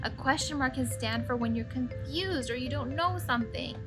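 A woman in her thirties with a fairly high voice teaches young children as a show host. She explains things in an encouraging way, with faint music behind her. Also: moderate pace. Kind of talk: children's educational presenting. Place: small room indoors.

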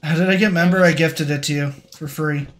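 A man's voice: fairly high pitch, fairly quick, a little hiss or hum. A young man streaming a horror game with friends, chatting casually to his viewers. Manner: excitable, laughing, talks to chat. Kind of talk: casual gaming chat.

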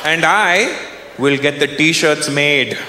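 A man voicing a shrewd Indian worker who calmly proposes a deal, with an Indian accent, in an echoey hall with a laughing crowd. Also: a little high, slow, heavy background noise, voice pushed down. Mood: scheming. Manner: calm, persuasive, dealmaking.

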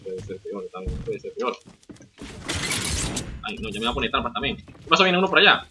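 A man with a Venezuelan accent giving excitable live game commentary, yelping, swearing and talking to himself. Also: fairly low pitch, a little fast, over music. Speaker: gamer.

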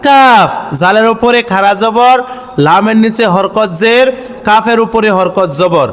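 A man teaching Quran reading. He spells out letters and vowel marks step by step, asks questions and answers them himself, and chants each syllable slowly. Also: high voice, a bit bright. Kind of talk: step-by-step recitation lesson. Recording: long hall reverb.

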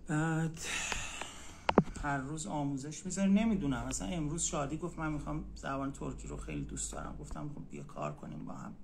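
Male teacher on a live stream, slightly high voice, patient and repetitive, faint room noise. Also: big pitch swings, vocal fry. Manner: patient, repeats words slowly. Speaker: language teacher. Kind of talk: casual live-stream language lesson.

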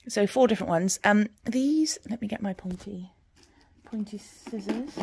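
A woman's voice: mid-range voice, unhurried, creaky, noisy background. Chatty woman murmuring over her stitching. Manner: chatty, rambling, drops to murmurs while counting stitches. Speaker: cross-stitch vlogger. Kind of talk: casual progress update. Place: home, at her stitching frame.

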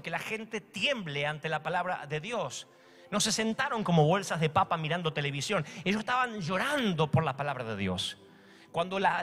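Man, pastor, Argentine accent, high voice, bright and forceful tone, lively sermon delivery with acted-out dialogues. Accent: Argentine Spanish. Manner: dramatic preacher acting out dialogues with shifting voices.

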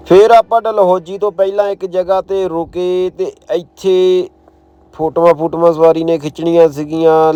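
A man's voice: a little high, warm tone. A man with an Indian Punjabi accent narrating a travel vlog in casual, slangy, exclamatory talk. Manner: colloquial, slangy, admiring exclamations. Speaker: travel vlogger.

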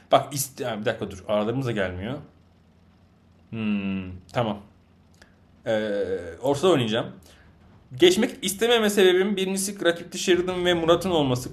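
A man giving live gameplay commentary, answering chat questions and ranting in frustration at his teammates, swinging between loud outbursts and low muttering. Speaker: gaming channel host.

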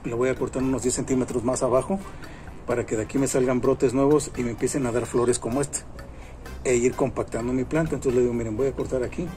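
A man in his thirties talks his viewers through a gardening task in an outdoor garden, close to the camera. His voice is mellow and mid-pitched, and he repeats himself often, with lots of fillers. Faint music plays underneath. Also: steady tone, fast talker. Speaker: gardening channel host. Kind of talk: casual gardening tutorial. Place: outdoor garden among plants.

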